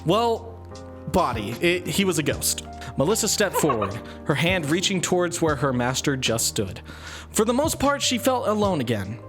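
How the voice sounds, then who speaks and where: A man narrating a comedic story for friends, playful and quick to laugh at his own lines. His voice sits a bit high and bounces around in pitch, with faint music in the background. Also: very animated, fairly bright tone.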